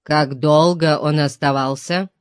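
A man voicing a stern inquisitor who asks short, pressing questions at a slow pace. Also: fairly high pitch, fairly even intonation, smooth, no room sound, clean studio sound, lightly acted. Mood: interrogating. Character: stern male inquisitor, cold interrogator.

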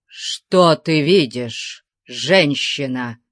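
A woman voicing a cruel, fanatical male tyrant priest who speaks low, slow and menacing. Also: animated, no room sound, clean studio sound, heavily acted.

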